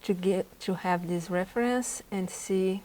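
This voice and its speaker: In a low-quality recording, a woman's unhurried, dark, mid-range voice guides a portrait drawing demonstration. She's an art instructor and native Portuguese speaker with a Brazilian Portuguese accent, thinking aloud as she sketches.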